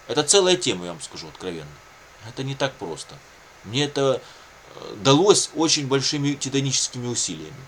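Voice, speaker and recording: There's a faint hiss or hum behind this man's mid-range, fairly bright voice. A Russian-speaking video blogger, he tells viewers about his own situation informally and unscripted, wandering back over his points and repeatedly using everyday catchphrases.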